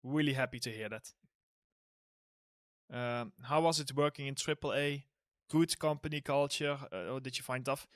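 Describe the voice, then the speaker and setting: A man's voice: mid-range voice, moderate pace, long pauses, no echo, studio quality. A man with a Dutch accent hosting a casual Q&A livestream, reading viewers' questions aloud and answering loosely with fillers, his throat getting a little sore. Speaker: livestream host, environment art tutor.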